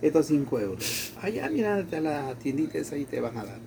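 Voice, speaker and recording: Over crowd noise, a Latin American man with a fairly high, gravelly voice talks fairly quickly through a personal story. He's casual and animated, acting out the quoted speech.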